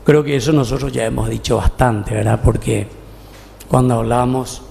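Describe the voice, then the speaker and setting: A man's voice: mid-range voice, fairly even intonation, moderate pace, creaky, darkish tone, a little hiss or hum. A middle-aged man with a Paraguayan Spanish accent, a parish priest giving a folksy, conversational homily at Mass and often asking "¿verdad?". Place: church. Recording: long church reverb.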